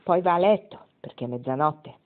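A woman's voice: fairly low pitch, expressive, brisk, natural voice. A woman reading the part of a wry, spirited old grandmother near the end of her life, in a satirical tone. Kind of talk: audiobook reading. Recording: tinny phone-like sound.

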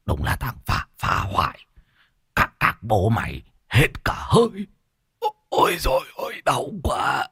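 A man voicing a wrinkled old male sorcerer who groans hoarsely. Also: fairly low pitch, wildly swooping pitch, measured pace, bright, forceful tone, no echo, clean studio sound, heavily acted. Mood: groaning.

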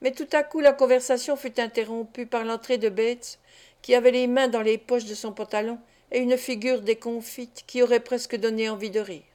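A woman narrating a classic novel as an audiobook, measured and expressive. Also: fairly high pitch. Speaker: audiobook reader.

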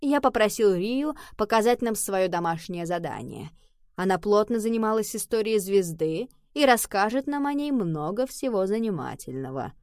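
Woman doing a calm wise old teacher cat, steady and firm, dry close voice. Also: mid-range voice, normal speed, no echo, natural voice. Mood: measured.

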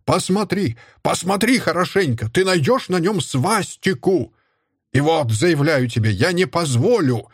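A furious, scornful father who shouts and sneers, as a male narrator puts him on in a raised, husky voice. His bitterness comes through in every line. The recording is dry and close. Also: mid-range voice, big pitch swings, normal speed, dry recording. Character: furious stern middle-aged father, a historian.

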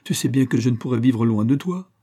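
A man voicing a domineering, proud billionaire father in middle age, speaking in forceful outbursts he tries to hold back. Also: mid-range voice, animated, fairly quick, lightly acted. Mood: blustering.

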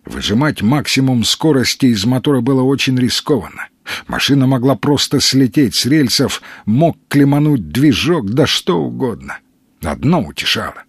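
Male audiobook narrator; husky, steady dramatic reading, dry close mic. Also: medium pitch, moderate pace, no echo. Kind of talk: scripted narration.

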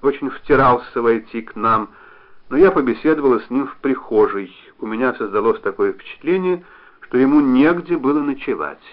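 A man's voice: medium pitch, animated, moderate pace, lightly acted. A man reading the part of a fussy, self-pitying wife who talks in a complaining, needling way, on a dull lo-fi recording.

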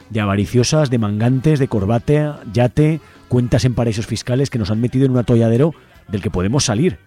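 This is a man with a Spanish accent hosting an activist radio show that takes phone-in calls. His voice is medium-pitched and mellow, and he speaks passionately, piling up rhetorical lists.

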